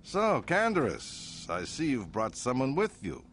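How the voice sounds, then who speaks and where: An actor playing a smooth, self-satisfied male crime boss who speaks in a grand, smug way. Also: mid-range voice, huge pitch swings, a little slow, fairly bright tone, slight background noise.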